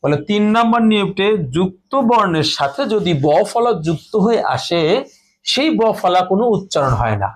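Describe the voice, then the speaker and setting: High-voiced man teaching a grammar lesson. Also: animated. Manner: explains slowly, repeats each rule and example words. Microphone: phone or camera in front of a board.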